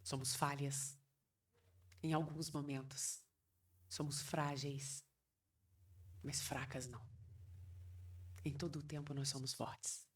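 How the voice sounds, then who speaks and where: A woman hosting a podcast, speaking in a deliberate, encouraging and inspirational way. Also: sits low, level tone, breathy edge, recorded from a distance. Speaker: podcast host.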